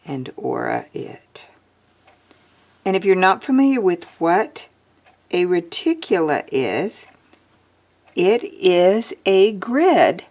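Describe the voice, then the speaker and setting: A woman's voice: medium pitch, sing-song, slow, darkish tone. A woman teaching a drawing lesson, chatting and thinking aloud as she draws, with the hiccups. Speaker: art teacher.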